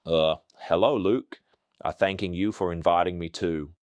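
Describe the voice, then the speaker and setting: Man, disguised voice effect, very low pitch, dry recording, slow halting answers. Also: a little mellow, smooth, dry recording. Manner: halting, plain storytelling with pauses. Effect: electronically disguised voice. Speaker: journalist. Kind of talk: interview answers.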